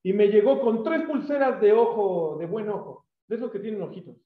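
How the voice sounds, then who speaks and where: A Mexican-accented male pastor preaches with a high, lively voice, slipping into the voices of people in his stories. He is heard through an echoey room on a thin, phone-like line. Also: brisk. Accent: Mexican Spanish. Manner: animated, acts out quoted voices. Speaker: pastor and teacher. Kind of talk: sermon with storytelling.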